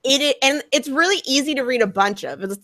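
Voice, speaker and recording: A woman's voice: high-pitched, expressive, a little fast, a bit bright. A young woman co-hosting a casual group podcast, talking with enthusiasm and laughing often. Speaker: podcast co-host.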